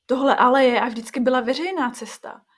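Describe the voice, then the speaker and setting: Woman doing a grandmother, protective, stubborn, firm, plain, storybook. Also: sits high.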